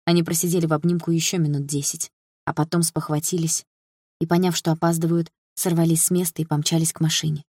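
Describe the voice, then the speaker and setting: A man narrating an audiobook in an even storytelling delivery. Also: on the high side, fast talker, dry recording, studio quality.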